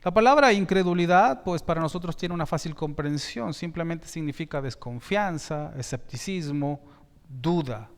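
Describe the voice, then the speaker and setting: A man preaching a sermon as a pastor, slow and emphatic, with sudden rises in volume and frequent self-corrections. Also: a little high, lively intonation. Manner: repeats and corrects himself mid-sentence. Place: church sanctuary. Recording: long reverb in a church hall.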